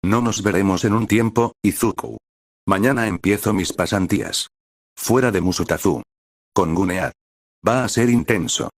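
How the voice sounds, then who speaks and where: A man reading the lines of a cheerful, determined teenage hero girl in an even, unchanged voice. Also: on the low side, normal speed, no room sound. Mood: earnest. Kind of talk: scripted fanfic reading.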